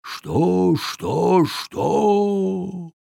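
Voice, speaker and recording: Man voicing a giant, male, forgetful, bewildered, booming, drawn-out words, storybook. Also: expressive, creaky, dark tone, no echo, exaggerated voice. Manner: booming, slow. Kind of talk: storybook character voice.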